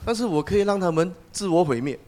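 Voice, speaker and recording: A man's voice: high voice, animated, fast talker, dark tone. A man interpreting a sermon phrase by phrase, with some hesitations as he goes.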